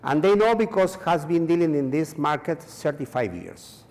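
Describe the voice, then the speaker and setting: On the high side and expressive, this Chilean man's darkish voice carries through a conference hall with long reverb. Presenting in non-native English, he hesitates often, filling gaps and repeating phrases.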